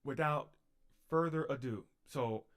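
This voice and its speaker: A man's voice: medium pitch, a little slow. A man teaching on a livestream. He talks unhurriedly, with fillers and repeated phrases.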